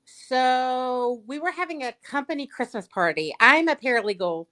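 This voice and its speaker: Southern woman, chatty guest storyteller, high lively voice. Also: moderate pace. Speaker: paralegal and sweepstakes guest. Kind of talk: casual storytelling chat. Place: livestream video call.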